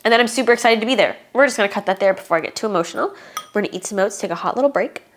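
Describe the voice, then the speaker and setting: A woman's voice: medium pitch, racing, slight background noise. A young woman talking casually to her viewers in a vlog, earnest and emotional, with lots of filler words. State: tearful at times. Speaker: fitness competitor and vlogger.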